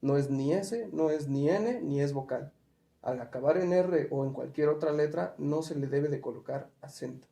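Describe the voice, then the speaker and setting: A man's voice: fairly high pitch, normal speed, gravelly, dark tone. A man teaching spelling rules step by step, asking questions and working through examples. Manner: asks questions and gives examples. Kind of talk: patient step-by-step explanation. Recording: roomy echo.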